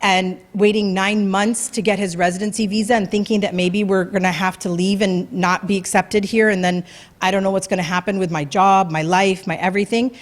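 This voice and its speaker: Speaking fairly quickly in a steady, mid-range voice, a woman tells the audience at a community talk night about her own experience. English is her first language, and her earnest, conversational delivery includes fillers and restarts at the event venue.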